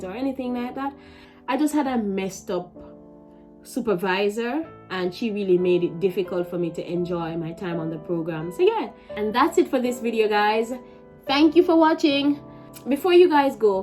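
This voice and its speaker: A young woman vlogger with a Jamaican accent tells a personal story in a medium-pitched voice. She's animated and emphatic, restarting often.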